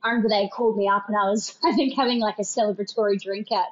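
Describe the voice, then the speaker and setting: A woman's voice: mid-range voice, fairly even intonation, very fast, highs cut off. A young Australian woman from Queensland, a guest on a podcast, chatting casually and laughing often. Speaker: guest, nurse. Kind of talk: casual interview chat.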